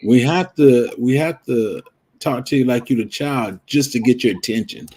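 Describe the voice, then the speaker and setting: Panelist, man, husky mid voice, blunt and repetitive. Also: medium pitch, moderate pace, darkish tone. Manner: blunt, repeats points. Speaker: podcast panelist. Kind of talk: casual panel chat.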